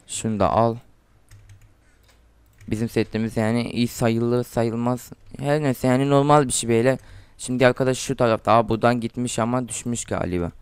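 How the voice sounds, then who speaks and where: A teenage boy from Turkey giving casual gameplay commentary, chatting to viewers and trash-talking opponents, getting loud and excited in fights, recorded on a desk mic at his computer. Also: fairly low pitch, clear, resonant tone, no echo. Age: teens. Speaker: gaming YouTuber.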